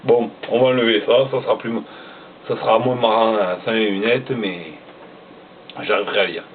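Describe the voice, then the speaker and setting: A man's voice: on the low side, steady tone, moderate pace, distant mic, slight background noise. A man, casually reading out a list of riders, tripping over names and joking about it. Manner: stumbles over names, self-mocking. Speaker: motocross vlogger. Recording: tinny phone-like sound from away from the mic.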